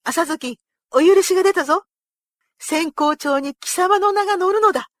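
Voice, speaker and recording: A woman's voice: very high-pitched, moderate pace, fairly bright tone, no echo, pitched above the performer's own voice. A woman voicing an earnest young male samurai who speaks eagerly and respectfully, in a storybook reading.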